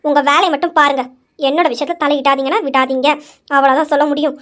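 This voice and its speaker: A woman's voice: high-pitched, fairly even intonation, fast talker. Woman playing a defiant young wife. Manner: sharp, scolding, insistent.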